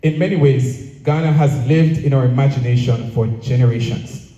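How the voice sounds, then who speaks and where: Male Jamaican orator, deliberate rhetorical delivery, deeply soft-edged warm tone, mid pitch, recorded in a reverberant venue. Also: dull audio. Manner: measured, rhetorical, deliberate phrasing with repetition. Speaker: association president giving a speech. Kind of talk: prepared public speech. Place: speaking at a live event, room echo. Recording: echoey venue, distant microphone.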